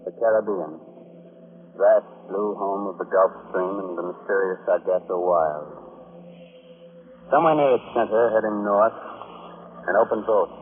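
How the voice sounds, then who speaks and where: An actor playing a sly, teasing male host of a 1940s radio mystery show, with a smooth, lingering delivery. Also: sits low, moderate pace, pauses often, a little hiss or hum, natural voice. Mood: ominous. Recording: tinny old radio broadcast with music.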